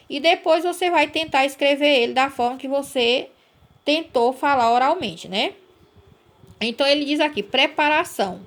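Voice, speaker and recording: A woman teacher giving a recorded lesson to young pupils, explaining step by step and checking in with "right?" as she goes. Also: high voice. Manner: patient, explains step by step, asks "certo?" and "né?" to check.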